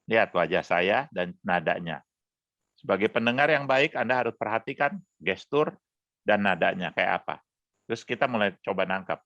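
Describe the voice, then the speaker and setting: Give me a hoarse male pastor teaching over an online call, lively and questioning, with dull, dry sound. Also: lowish voice, normal speed, no room sound. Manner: interactive, coaxing questions to participants. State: hoarse throat. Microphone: online meeting mic.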